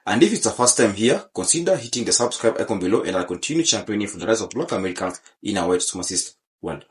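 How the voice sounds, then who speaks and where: Low-voiced host narrating with lively pitch. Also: male voice, fast. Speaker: channel host. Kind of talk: scripted video narration.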